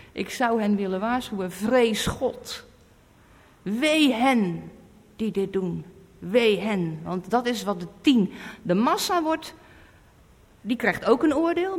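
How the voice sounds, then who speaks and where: A woman's voice: on the high side, darkish tone. Emphatic woman preaching in echoey hall. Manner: emphatic, repeats warnings. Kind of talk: sermon.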